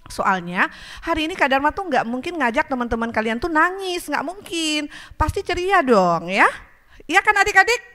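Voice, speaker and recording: Bright, high-voiced woman cheering on kids. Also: very animated, normal speed. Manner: cheerful, coaxing, talks to small children. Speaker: children's radio show host. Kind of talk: lively children's radio hosting. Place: radio studio with children present.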